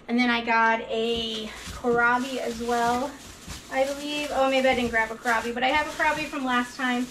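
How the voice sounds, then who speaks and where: A woman in her thirties with a fairly high voice, vlogging from her home kitchen. She talks to her viewers in a chatty, upbeat and eager way. A faint background hum sits under her voice. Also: bright, forceful tone. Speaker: vlogger, mother. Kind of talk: casual chatty vlog.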